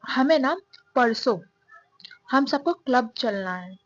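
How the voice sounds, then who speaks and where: A woman's voice: sits high, expressive, slow. A woman voicing a cautious, easygoing young male college friend who speaks in a warning, casual way. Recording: dull, dry sound.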